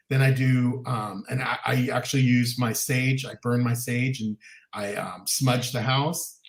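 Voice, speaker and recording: Chatty man in an echoey room. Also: medium pitch. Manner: rambling, earnest, many restarts and ums. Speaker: co-host. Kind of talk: casual chat. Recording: roomy echo.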